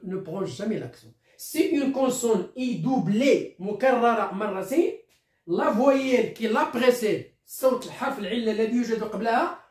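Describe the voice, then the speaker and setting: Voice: mid-range voice, a little mellow. A teacher with a Moroccan accent giving a recorded lesson, patiently repeating and spelling out words, with short explanations in Darija. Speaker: primary school teacher. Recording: echoey room, voice from far off.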